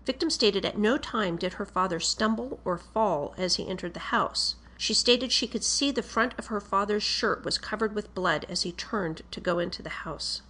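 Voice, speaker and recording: A woman's voice: mid-range voice, moderate pace, hardly any pauses, bright, forceful tone. Woman formally reading a police report. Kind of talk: formal read-aloud of a police interview report.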